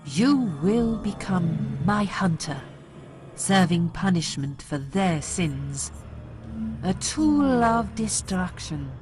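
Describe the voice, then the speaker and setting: Slow, sinister otherworldly woman over music. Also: fairly low pitch, animated, a little mellow. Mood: commanding, vengeful. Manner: slow, solemn, menacing. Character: sinister, controlling otherworldly woman, vengeful and knowing. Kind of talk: video game voice acting.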